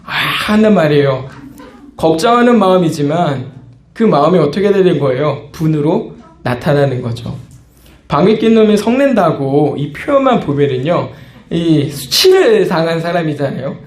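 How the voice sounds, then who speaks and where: Pastor preaching in an echoey room. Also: male voice, on the high side, very animated, moderate pace. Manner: conversational preaching, acts out quoted outbursts. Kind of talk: sermon.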